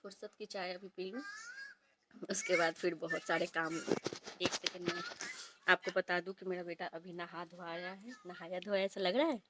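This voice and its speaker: A woman in her thirties chatting softly in a casual home vlog, recorded at home on a phone set a little way off. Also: lowish voice, fairly even intonation, moderate pace, background noise. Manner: speaks softly and quietly. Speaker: vlogger and homemaker. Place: indoors at home. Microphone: phone placed a little way off.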